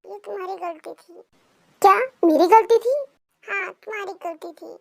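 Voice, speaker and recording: A woman reading a storybook, voicing a stubborn young husband who pleads loudly. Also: very high voice, steady tone, moderate pace, gravelly. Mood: teasing. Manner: loud, whiny pleading. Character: playful, stubborn young man, loud husband.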